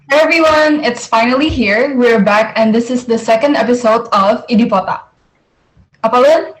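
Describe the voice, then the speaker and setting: A teenage girl co-hosts a school podcast with lively, quick reactions. Her slightly high voice sounds roomy. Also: slight background noise. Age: teens. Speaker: student podcast co-host. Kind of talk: casual podcast chat.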